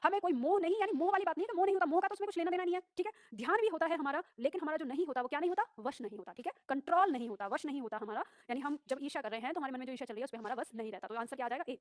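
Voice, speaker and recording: A woman teacher rushing through exam questions and explaining each answer briskly. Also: sits high, dry recording, studio quality. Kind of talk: exam-prep class.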